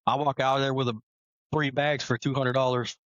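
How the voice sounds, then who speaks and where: A man's voice: medium pitch, flat delivery, fairly quick, fairly bright tone, dry recording. A man in casual chat, grumbling and sarcastic, often repeating himself as he talks. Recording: dull, lo-fi sound.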